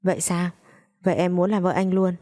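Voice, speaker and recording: A woman's voice: on the low side, flat delivery, a little fast, dark tone, lightly acted. A woman doing a sly, sweet-talking young friend. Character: two-faced young woman friend, scheming.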